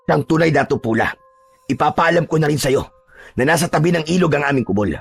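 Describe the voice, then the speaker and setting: A man's voice: fairly high pitch, animated, quick pace, creaky, slightly rough, faint music behind, heavily acted. A man voicing a secretive, loyal rebel warrior in a narrated horror audio drama, speaking earnestly and confidingly.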